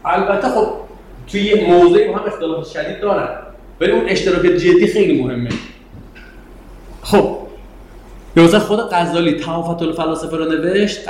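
In an echoey classroom with faint ambient sound and slight background noise, a middle-aged man delivers a digressive, conversational lecture, pausing to question his students. His voice is high-pitched and a little mellow.

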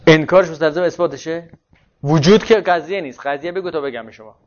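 Muffled recording of a man lecturing. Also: a little high. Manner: thinks aloud, restarts and corrects himself; questions and answers himself. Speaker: philosophy lecturer. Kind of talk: university lecture.

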